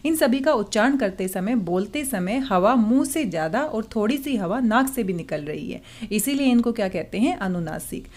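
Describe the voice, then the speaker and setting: A woman teaching a Hindi worksheet lesson to children, reading words slowly and carefully, asking questions and answering them herself. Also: medium pitch, lively intonation, darkish tone. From India. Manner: slow, careful reading aloud of words and passages; addresses pupils kindly, asking and answering own questions.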